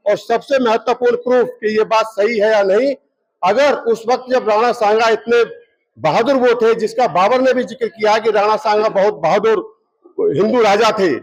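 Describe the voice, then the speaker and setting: A man's voice: high-pitched, normal speed, lo-fi sound. A local party leader, a man, giving a press statement to reporters and arguing his case by citing book page numbers. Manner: argumentative, cites book pages as proof.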